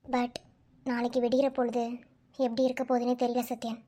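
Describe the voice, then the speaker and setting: A woman's voice: fairly high pitch, flat delivery, normal speed, warm tone, pitched below the performer's own voice, close to an everyday voice. A woman voicing a stern young man in a cartoon who bluntly lectures his drunk friend.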